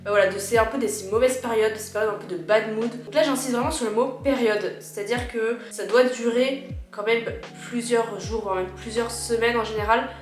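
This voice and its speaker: Talking a little fast in a slightly high, steady voice that sounds a bit worn, a video creator offers her viewers personal advice in an informal, chatty vlog. Music plays behind her in a room with noticeable echo.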